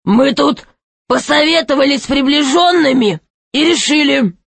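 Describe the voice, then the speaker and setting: A woman voicing an angry fairy-tale king who barks loud commands in a storybook reading. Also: high voice, expressive, normal speed, gravelly, no room sound, pitched above the performer's own voice. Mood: barking orders. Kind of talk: audiobook character voice.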